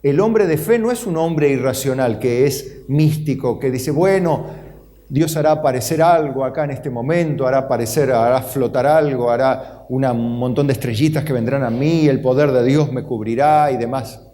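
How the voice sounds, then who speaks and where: A man's voice: normal speed, mellow. A middle-aged Argentine man preaching a sermon as pastor, acting out the voices of Bible figures. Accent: Argentine Spanish. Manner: acts out Bible figures' voices with rising pitch.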